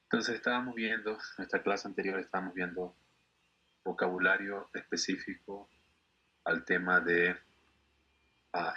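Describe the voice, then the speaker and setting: Low, sharp-toned teacher. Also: male voice, slightly rough, dull audio. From Ecuador. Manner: patient, explanatory, repeats words slowly for students. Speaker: English teacher. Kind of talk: online class instruction.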